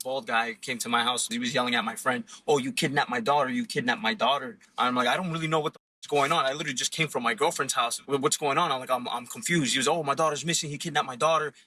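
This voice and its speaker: A man's voice: mid-range voice, pushed and bright, dry recording, poor audio. A young man telling what happened in a rambling, confused way, full of fillers. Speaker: friend of a suspect, interviewed. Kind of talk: casual recounting.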